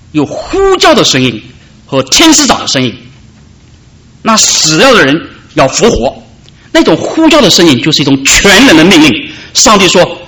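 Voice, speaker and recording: A man preaching a sermon, calling out loudly at high points and dropping soft in between. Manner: preaching with dramatic rises and soft drops. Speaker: pastor.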